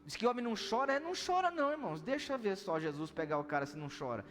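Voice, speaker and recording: A man preaching a sermon as pastor, telling a story in an animated way that swings between loud and hushed. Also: fairly high pitch, fast talker. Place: church service hall. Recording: reverberant church hall with soft music.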